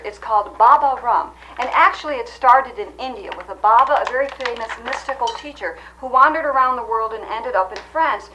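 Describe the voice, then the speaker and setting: A woman hosting a comedy cooking segment, explaining absurd claims in an earnest, deadpan way. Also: a little high, slight background noise, low-quality recording. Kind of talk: deadpan mock cooking demonstration.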